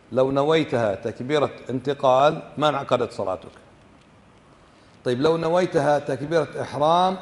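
A mid-range male voice with a long reverb tail belongs to a sheikh giving a fiqh lesson that explains a book. His Kuwaiti Arabic accent comes through as he puts frequent questions to the class and demonstrates pronunciations.

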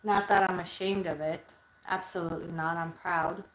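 Sitting in a small bedroom under red light, a woman in her thirties who is a spiritual medium rambles loosely to livestream viewers, swearing freely. Her fairly low voice keeps a fairly even intonation at normal speed. Captured by a desk-distance webcam, the low-quality recording is echoey with a little hiss or hum.

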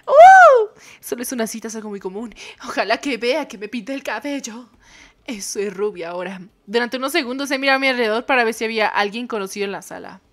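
Excitable Mexican woman with a bright voice. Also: a little high. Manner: playful and excitable, breaks into squeals and joking swears. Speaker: gamer. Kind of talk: reading aloud and reacting to a dating game.

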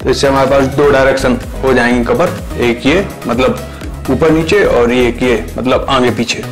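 A young man walks through his homemade machine step by step, often pausing and restarting his sentences. His voice sits in an ordinary middle pitch. It is picked up by a camera a few metres away in a small bare room, with faint music underneath. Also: fairly even intonation. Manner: explains step by step with hesitant fillers and restarts. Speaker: maker showing a build. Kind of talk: casual build explanation.

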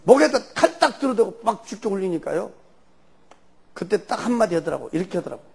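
A man's voice: high voice, very animated, fast talker, vocal fry, darkish tone, husky. An older man with a Jeolla Korean accent, a church elder telling his life story in a loose, folksy testimony. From Jeolla region, Korea.

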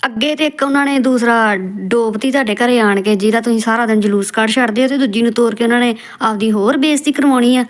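A woman's voice: a little high, fast talker, few pauses. A woman roasting video clips in a scolding, mocking tone. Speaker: roast commentator.

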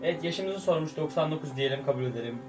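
A man talks his way through a mobile game in a loose, casual commentary, sounding drained and low on energy as he rambles on. His voice sits a little back from the microphone, with faint music playing underneath. It has the feel of a late-night session at home. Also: animated, fast talker, far from the mic.

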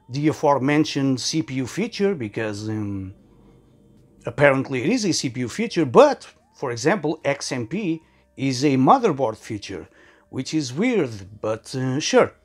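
A man giving casual sarcastic commentary as a tech YouTuber, halting often with fillers. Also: mid-range voice.

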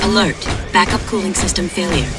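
A woman voicing the computer alarm of an overheating machine in a video game, repeating flat automated warnings. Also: lowish voice, a little fast, close to an everyday voice. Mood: repetitive alarm. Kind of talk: video game announcer lines. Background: loud game music.

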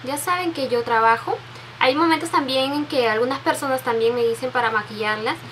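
A soft-spoken Peruvian woman in her 20s, a beauty vlogger, reads out questions for a casual Q&A tag video, her voice sitting high and her pace brisk. She's sentimental, with many restarts and fillers, recorded on a desk webcam indoors in a bedroom with makeup shelves, with a little hiss or hum.

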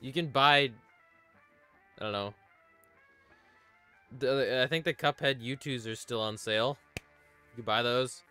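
Man, game streamer, excitable, laughing, swearing, bright tense tone, faint music behind. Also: medium pitch, a little slow, pauses often, clean tone. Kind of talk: live gaming stream chat.

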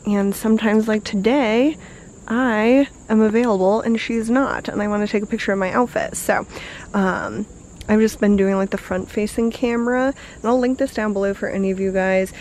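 A woman's voice: medium pitch, steady tone, moderate pace, a little mellow, a little hiss or hum. Chatty young woman beauty vlogger. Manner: chatty, bubbly, many fillers and laughs. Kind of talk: casual chat to camera. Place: bedroom indoors, later outdoors on a porch.

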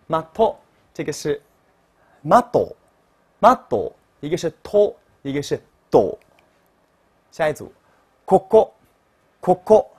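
Guy teaching pronunciation, kinda high voice, bouncy, repeats every word louder. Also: slightly rough. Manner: explains in Chinese, repeats example words loudly and higher. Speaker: Japanese teacher. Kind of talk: classroom pronunciation lesson.

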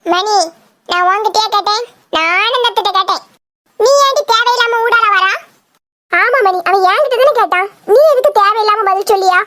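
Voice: normal speed, sharp tone, dry recording, clean studio sound. A voice actor playing a group of cheeky village schoolchildren in a cartoon, squabbling and teasing. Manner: teasing, squabbling, shrill giggling. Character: chattering village schoolkids, boys and girls, cheeky. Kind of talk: cartoon voice acting.

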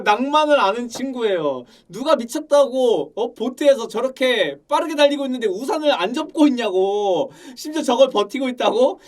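A man streaming casual reaction commentary on a game trailer, excitable and gushing with exclamations. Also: high-pitched. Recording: slightly distant mic with music behind.

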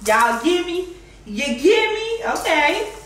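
An extremely high, sing-song voice, slow and fairly bright, carries a little hiss or hum. It belongs to a woman in her thirties hosting a casual home-kitchen cooking vlog, chatty and playful, who calls her viewers y'all and exclaims in a sing-song way. The roomy sound comes from a camera on a tripod at a distance.

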